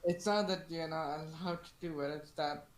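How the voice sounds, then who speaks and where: A man playing a tabletop game, talking casually and in character in a halting, earnest way. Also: a little high, fairly even intonation, slight background noise. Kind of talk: casual in-character play and chat. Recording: echoey room sound.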